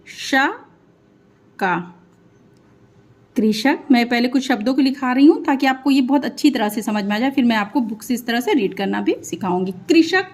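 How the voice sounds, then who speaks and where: A young woman teaching children Hindi vowel signs, sounding each syllable out slowly and patiently. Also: high-pitched. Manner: patient, spells sounds out slowly, often says sorry and "means". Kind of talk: online Hindi lesson for children.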